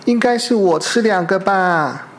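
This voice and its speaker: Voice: mid-range voice, unhurried, pitched above the performer's own voice, close to an everyday voice. A storyteller voicing a small, hungry male weasel who argues indignantly over food in a children's storybook. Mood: pleading.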